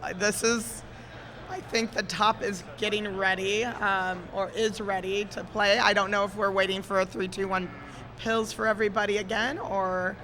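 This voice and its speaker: A woman calling a live game match at a gaming expo, excitable and quick to laugh, her voice strained from cheering. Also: mid-range voice, slight background noise. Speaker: esports commentator.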